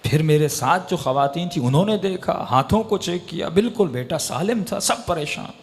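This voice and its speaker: A man preaching a narrative sermon, telling a story and rising to sudden high emotional peaks. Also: lively intonation. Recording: long hall reverb.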